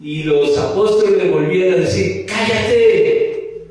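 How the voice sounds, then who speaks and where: A man's voice: a little high, animated, a little slow, mellow, far from the mic. Male pastor, storytelling sermon with rhetorical questions, very echoey church hall.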